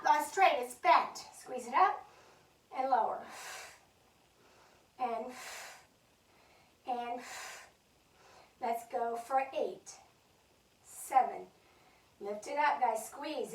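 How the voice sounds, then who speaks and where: A woman instructor leading a Pilates chair class, counting reps and encouraging the group, a little out of breath. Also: high-pitched. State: slightly out of breath. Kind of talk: live fitness class cueing. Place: fitness studio. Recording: echoey studio from far off.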